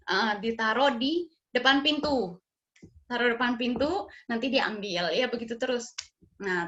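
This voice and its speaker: A woman's voice: on the high side, a bit bright. A middle-aged woman tells a family story in a chatty way, acting out quoted dialogue and laughing often. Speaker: guest sharing family experience. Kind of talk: casual storytelling. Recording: dull lo-fi sound.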